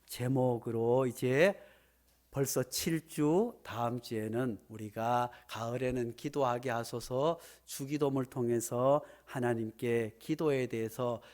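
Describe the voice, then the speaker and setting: A male pastor preaching a Sunday sermon in a church sanctuary, animated and building to emphatic exclamations. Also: mid-range voice, unhurried.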